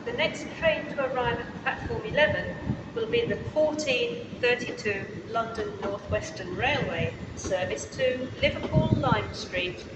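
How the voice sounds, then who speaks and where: Station PA announcement, woman, higher voice, echoing platform, loud noise around. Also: lively intonation, a little slow. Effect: automated station loudspeaker announcement. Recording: echoey muffled PA over loud platform noise.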